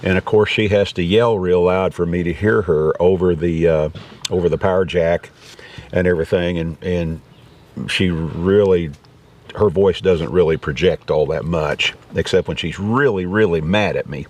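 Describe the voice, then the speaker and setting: Talking through products with no script, this American vlog host reviews gear in a rambling, folksy style. He speaks at a moderate pace with a low, darkish voice, picked up from afar amid noticeable background noise.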